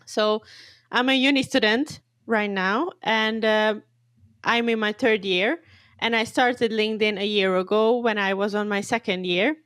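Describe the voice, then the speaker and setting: A woman's voice: mid-range voice, fairly even intonation, measured pace, fairly bright tone, no echo. A woman in her twenties from Serbia, a guest on a podcast, talking eagerly and chattily. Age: 20s. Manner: eager, chatty, laughs easily. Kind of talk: casual interview.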